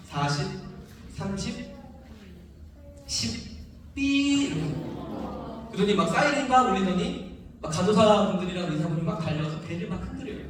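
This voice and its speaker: A man's voice: high-pitched, slight background noise. A man telling a personal testimony in a sermon, with emotional storytelling that acts out voices and sounds. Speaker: preacher giving testimony. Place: church sanctuary. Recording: echoey church hall from far off.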